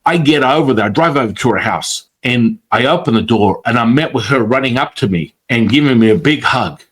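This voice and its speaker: A man of middle pitch tells a story as a guest in casual conversation. He is animated, acts out what others said and swears freely. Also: brisk, breathy edge.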